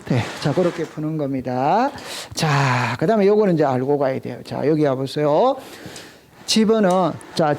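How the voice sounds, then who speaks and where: Guy lecturing a class, high mellow voice, keeps quizzing students and repeating terms. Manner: drills students with call-and-response, prompting "시작". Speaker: real estate exam lecturer.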